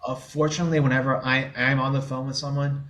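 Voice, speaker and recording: Speaking quickly at a medium pitch, a young man in his twenties from the New Orleans area keeps a level, fairly bright tone. He's a podcast interview guest who talks in a relaxed, frank way and stutters openly through blocks and repeated sounds.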